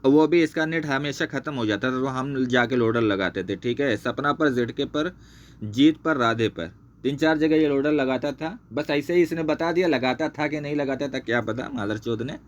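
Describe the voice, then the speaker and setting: A muffled recording with slight background noise captures a man of medium pitch and normal speed. As a channel host, he angrily calls out a former associate while sharing his screen, swearing at every turn, repeating himself, and indicating items on screen.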